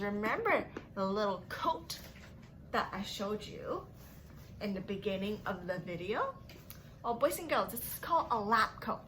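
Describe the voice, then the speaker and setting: A young adult woman, a children's story time teacher, leads a lesson for small kids in a sing-song, exaggerated way, asking questions and giving praise. Her voice sits high and is bright and forceful. She's in a small furnished room at home, with slight background noise.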